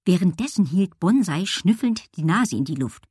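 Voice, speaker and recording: A woman reading a children's audiobook aloud with lively storytelling. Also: on the low side, normal speed, breathy edge, no room sound, clean studio sound. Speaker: audiobook reader. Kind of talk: scripted narration.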